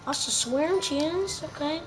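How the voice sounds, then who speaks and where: A woman giving chatty, excitable gaming commentary, dropping English phrases and swearing as she plays. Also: high-pitched, slow, background noise. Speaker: gaming YouTuber. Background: game music.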